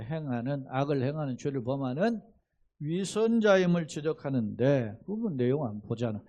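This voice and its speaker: A man preaching an expository sermon as pastor, conversational and animated, asking rhetorical questions and acting out quotes. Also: on the high side.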